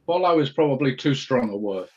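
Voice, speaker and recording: A man's voice: mid-range voice, lively intonation, fairly quick. A man as a guest on a casual sports podcast, speaking with dry, wry understatement. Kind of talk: casual chat. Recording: dull lo-fi audio.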